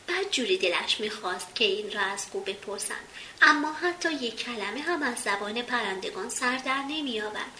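A woman reading a children's storybook aloud in a gentle, measured way, in a roomy recording with faint hiss. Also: a little high.

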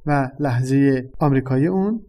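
Mellow, darker-toned man hosting a language lesson. He explains step by step in a measured, patient teaching voice at an ordinary pitch.

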